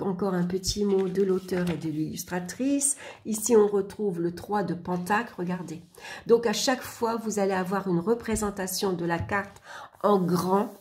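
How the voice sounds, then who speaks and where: A woman's voice: mid-range voice, dark tone. A woman giving a casual show-and-tell of a tarot deck, chatty and full of little asides.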